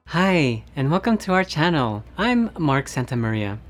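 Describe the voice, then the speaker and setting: An American man in a beginner English lesson, speaking deliberately and encouraging learners to repeat simple phrases. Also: fairly high pitch, big pitch swings, music in the background. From United States. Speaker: English teacher. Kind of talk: slow, clear beginner language lesson.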